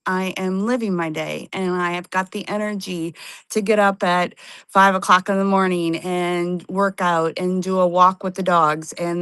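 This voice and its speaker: A woman in her fifties telling her personal story on a livestream call, earnest and halting, with many fillers. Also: fairly low pitch, a bit bright, clean tone, no echo. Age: 50s. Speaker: testimonial guest. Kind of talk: casual personal testimony on a livestream.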